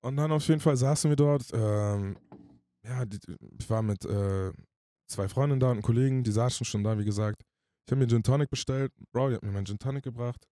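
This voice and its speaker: A man telling his story as a podcast guest in casual, slangy speech, rushed and emotional. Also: mid-range voice, mellow, no room sound, clean studio sound. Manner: slangy, rushed and emotional, addresses the listener as "Bruder".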